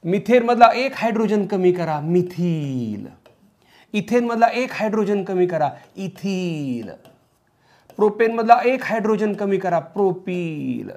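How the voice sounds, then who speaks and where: Lecturing on chemistry, a man drills his students in a loud, high-pitched voice, reciting compound names sing-song style. He talks a little fast and barely pauses.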